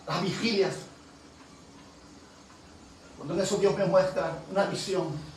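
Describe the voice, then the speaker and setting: A woman pastor preaching a fervent sermon, building to loud, emphatic peaks. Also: lowish voice, very echoey, recorded from a distance, slight background noise, poor audio.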